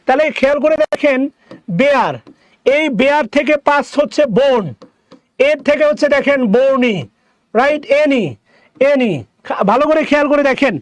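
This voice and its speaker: A man teaching a grammar lesson, explaining answers and repeating each word slowly for his students. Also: extremely high pitch, steady tone, no echo.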